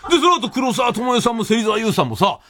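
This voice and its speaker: A man telling a comic anecdote in an animated way, laughing as he goes and acting out what people said. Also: very high-pitched, fast talker, breathy edge. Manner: animated, laughs while telling, acts out quoted voices. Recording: noisy recording.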